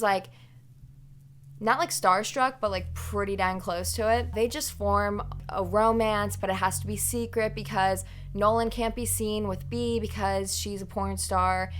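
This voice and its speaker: Chatty young woman with noisy background. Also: mid-range voice. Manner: informal, rambling, gossipy retelling with quoted asides. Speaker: book reviewer. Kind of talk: casual chatty book review.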